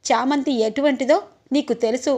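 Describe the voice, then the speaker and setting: A woman narrator voicing a calm, fair-minded father who reasons gently with his family. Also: high-pitched, normal speed. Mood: reasoning.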